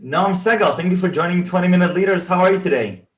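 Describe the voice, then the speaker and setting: A podcast host interviews a guest over a video call, casual and enthusiastic, often restarting his words as he asks questions. His voice sits high and he talks at a quick pace.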